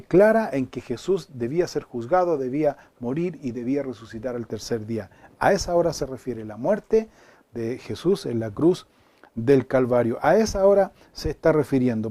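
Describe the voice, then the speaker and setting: A man preaches a Bible study, earnest and pressing with repeated rhetorical questions. His voice sits fairly high, yet the tone is mellow and warm. He has a lilt. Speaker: pastor.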